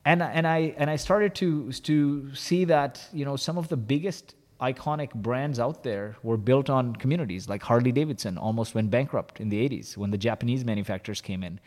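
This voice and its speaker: Male interview guest, founder, candid animated storyteller, mid pitch, long reverberant hall. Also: moderate pace, hardly any pauses. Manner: animated, confessional, heavy use of "like" and "you know".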